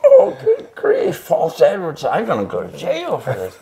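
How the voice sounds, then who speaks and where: An older missionary who grew up in Chile tells his story in a casual interview, laughing as he acts out his own reactions. His voice is a little high with wildly swooping pitch, unhurried and warm. He's recorded on a lapel mic in an indoor workshop with a pegboard wall.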